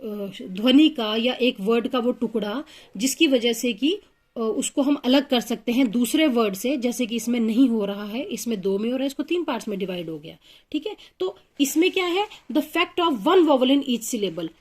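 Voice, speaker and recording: A woman teaching English phonics in a patient, step-by-step way, working through examples with pauses and fillers. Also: a little high, lively intonation, darkish tone. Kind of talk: phonics lesson explanation.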